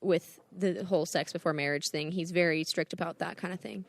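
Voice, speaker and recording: A woman's voice: lowish voice, fairly even intonation, a little fast, creaky. A woman co-hosting a podcast in casual chat, talking earnestly and reflectively. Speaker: podcast co-host.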